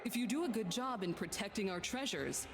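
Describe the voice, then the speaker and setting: A grand, encouraging corporate boss from a fantasy video game, played by a woman, delivers an official speech to an underling. The voice rings through a long reverberant hall with clear background ambience. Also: mid-range voice, animated, a little fast, noisy background, close to an everyday voice. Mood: grand approval. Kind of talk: scripted game dialogue.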